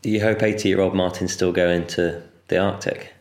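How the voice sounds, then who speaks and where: A man in his thirties hosting a podcast, asking gentle, probing interview questions. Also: sits low, flat delivery, moderate pace. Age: 30s. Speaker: podcast host. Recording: roomy echo.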